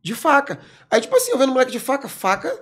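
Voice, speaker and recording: A man, a military police corporal, telling a story as a podcast guest in an animated, emphatic way, full of slang fillers. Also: very high-pitched, very fast. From Brazil. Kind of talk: casual storytelling in an interview.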